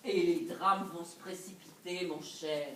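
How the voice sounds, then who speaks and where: An actress playing a scheming, vengeful jilted wife in a live stage comedy, laughing and swinging between loud outbursts and low asides. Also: female voice, steady tone, a little slow, a little hiss or hum, natural voice. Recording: echoey stage recorded from far off.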